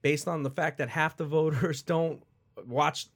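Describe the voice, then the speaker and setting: A man with a slightly high voice and a bit of a cough co-hosts a sports podcast. He chimes in with quick agreement and gives animated takes in casual conversation. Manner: quick affirmations, animated opinions. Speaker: podcast co-host.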